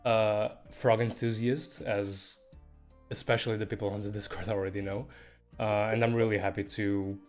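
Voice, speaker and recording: A man's voice: lowish voice, flat delivery, normal speed, darkish tone. A man speaking casually and earnestly as a guest on a livestream. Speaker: company CEO, stream guest. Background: guitar music.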